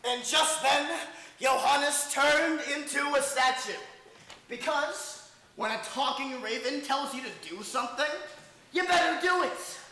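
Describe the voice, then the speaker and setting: A woman's voice: high voice, measured pace, pushed and bright, exaggerated voice. A woman playing a matter-of-fact fairy tale narrator in a comic stage show. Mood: storytelling. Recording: echoey stage with faint noise.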